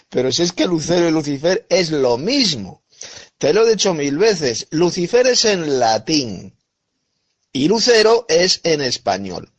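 A man's voice: a little high, sing-song, takes it slowly, long pauses. A man arguing a religious point in an online debate, pressing the same question again and again. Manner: insistent, repeats his questions.

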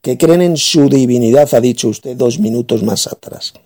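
A man's voice: mid-range voice, normal speed, mellow. A man from in a heated religious debate, combative and insulting, hammering his points home with repetition.

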